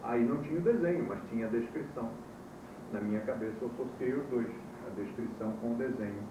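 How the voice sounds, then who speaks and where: Quick-paced and medium in pitch, a man runs a classroom lecture, quizzing students between wryly told stories. The footage is an old VHS tape captured from a distance, so the sound is muffled, echoey, and laced with background noise.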